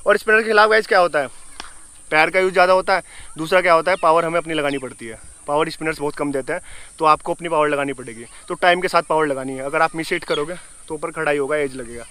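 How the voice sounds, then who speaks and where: Fast, bright-voiced young man coaching cricket. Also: on the high side. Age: young adult. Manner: energetic, demonstrates while talking. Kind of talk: instructional talk to camera. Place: outdoor cricket ground.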